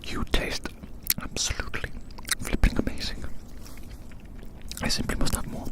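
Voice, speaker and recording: This ASMR performer takes on the role of a gloating giant with tiny prey to play with, whispering breathily at normal speed and repeating and savouring phrases in a playfully menacing way.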